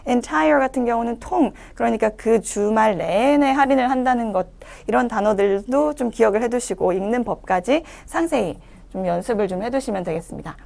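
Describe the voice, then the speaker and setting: A woman teaching English pronunciation in a lecture, explaining step by step and reading the English phrases slowly to show them. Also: on the high side, animated, vocal fry, darkish tone. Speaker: English speaking-test instructor.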